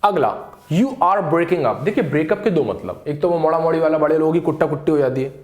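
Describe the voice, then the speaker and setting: A man teaching idioms in a casual lesson, explaining in Hindi and reading examples slowly. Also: fairly high pitch, expressive, a little mellow. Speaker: English teacher. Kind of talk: casual spoken English lesson. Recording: echoey room.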